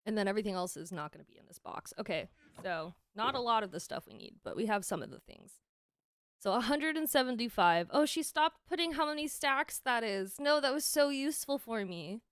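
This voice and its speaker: A young female streamer talks her way through a building game in loose, chatty asides, often breaking into giggles and sometimes speaking with her mouth full. Her voice sits fairly high and sounds bright and crisp. The sound is close and dry, with no room around it. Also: lively intonation, a little fast, no echo. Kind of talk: casual game stream chat.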